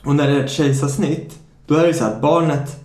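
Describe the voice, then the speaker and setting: A man's voice: on the high side, fairly even intonation, darkish tone. A man hosting a podcast, telling a long personal story in casual chat, swearing freely and acting out what people said. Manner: swears freely, tells the story with many quoted asides. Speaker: podcast host. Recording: roomy echo.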